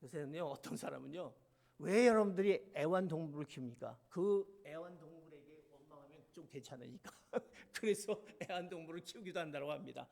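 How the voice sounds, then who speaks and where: A man's voice: a little high, fairly quick, vocal fry, darkish tone. A man preaching a sermon as pastor, with emphatic delivery and repeated rhetorical questions.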